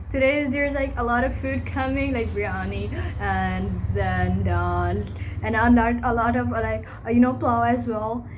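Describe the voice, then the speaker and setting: A woman's voice: a little high, background noise. A young woman vlogging in a chatty, casual way, full of fillers. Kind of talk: casual vlog chat.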